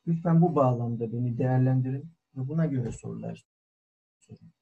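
A man who is a cultural historian giving a formal online talk, deliberate and full of hesitant fillers, heard over call audio. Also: mid-range voice, creaky, breathy edge, narrow, tinny audio. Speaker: guest lecturer, cultural historian. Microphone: video call.

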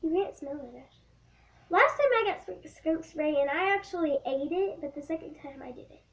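A woman's voice: high-pitched, animated, a little fast. A young girl vlogging a casual jelly bean challenge with a friend, giggly and playful. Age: child.

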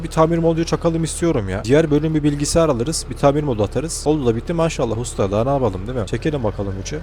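Fast-talking man with a dark voice. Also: medium pitch, slight background noise. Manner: chatty, talks to viewers, swears freely. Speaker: gaming channel host. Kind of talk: casual let's-play commentary.

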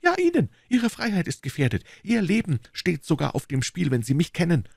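A man's voice: wildly swooping pitch, vocal fry, darkish tone, breathy edge, dry recording, clean studio sound, full character voice. Man putting on an anxious young woman. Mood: urgent. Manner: raised, light pitch, quick and urgent. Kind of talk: audiobook reading.

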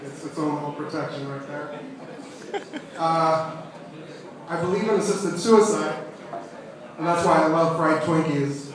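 A young man with a high-pitched voice performs amateur stand-up with audible stage fright. He starts hesitantly and sounds nervous. The recording is very echoey and distant, as if captured from the seats of a club. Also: measured pace, pauses often, crowd noise. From California. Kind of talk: stand-up comedy at an open mic. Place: small comedy club room with seated audience.

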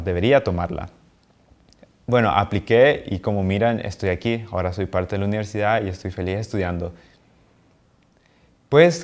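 A young man from Honduras, an international university student giving an earnest, friendly testimonial to camera in a small office. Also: fairly low pitch. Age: young adult. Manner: earnest, friendly, animated with hand gestures. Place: small bright office indoors.

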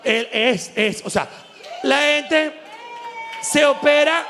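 A man with a Venezuelan accent doing an animated, crude stand-up comedy monologue, acting out little voices as he goes. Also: very high voice, slow, a faint crowd, slight background noise. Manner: animated, crude, laughs often, acts out voices. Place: live show venue.

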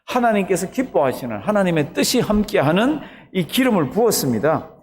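A man's voice: high voice, sing-song, brisk. A man, a pastor, preaching an early morning sermon, retelling the story animatedly and asking the congregation questions.

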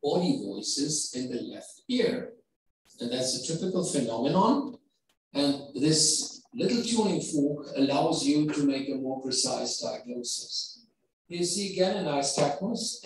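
A man's voice: a little high, recorded from a distance, slight background noise. German-accented man lecturing in an echoey hall. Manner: explanatory, asks the audience questions. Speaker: neurology professor giving a lecture. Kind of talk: medical lecture.

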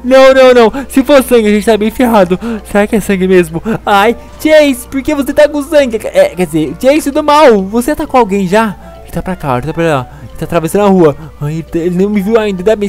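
Male gaming YouTuber, very high pitch, rapid, jumpy delivery. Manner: jumpy and excitable, talks to game characters. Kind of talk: excited gameplay commentary.

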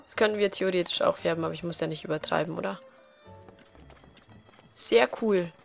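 A woman's voice: fairly low pitch, fairly quick, vocal fry. A woman giving casual, playful gameplay commentary, chatting and thinking aloud as a let's player. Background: game music.

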